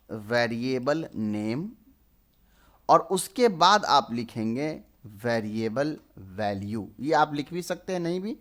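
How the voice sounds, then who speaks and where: A young man in his twenties teaching programming, explaining step by step and answering his own questions. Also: mid-range voice. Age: 20s. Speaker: programming tutor. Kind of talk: screen-recorded coding lesson.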